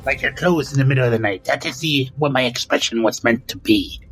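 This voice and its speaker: A man's voice: mid-range voice, fairly quick, a bit bright, lightly acted. A man voicing Fuzz, a buff teddy bear toy, who patiently over-explains things in an earnest tone. Faint music plays behind him.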